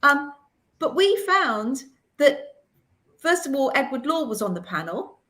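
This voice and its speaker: A woman hosting a panel discussion, talking in an animated, emphatic way with many restarts. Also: high voice, a little slow. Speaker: host.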